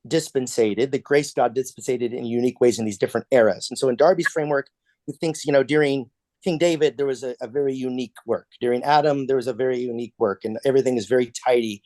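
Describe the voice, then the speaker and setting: A man's voice: medium pitch, darkish tone, dry recording. A man leading a casual church class discussion over a video call, talking conversationally with frequent restarts.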